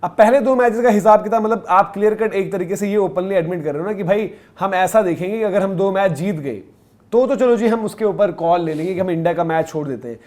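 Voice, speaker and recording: A man's voice: sits high, fairly quick, darkish tone. A man co-hosting a cricket talk show, explaining and arguing his points in casual panel chat. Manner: explanatory, argumentative.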